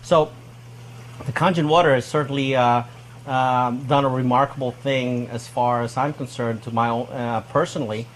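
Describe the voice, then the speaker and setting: A man giving an unscripted testimonial, measured and hesitant, with frequent uhs. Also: mid-range voice, fairly even intonation, a little hiss or hum.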